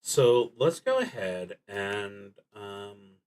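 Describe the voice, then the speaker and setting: This man plays a solo roleplaying game on stream, reading cards and reasoning out loud, frequently stopping mid-thought or letting sentences fade. He has a fairly low, animated voice with a darkish color.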